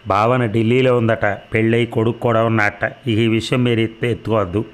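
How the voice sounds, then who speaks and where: A man voicing a grown son who placates his parents in a calm, coaxing and evasive way. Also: lowish voice, a little fast, lightly acted. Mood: placating. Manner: soothing, placating.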